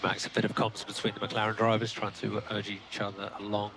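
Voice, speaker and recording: A man's voice: lowish voice, monotone, brisk, noisy background. A man as a race engineer giving terse, clipped instructions over team radio. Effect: team radio from a race car.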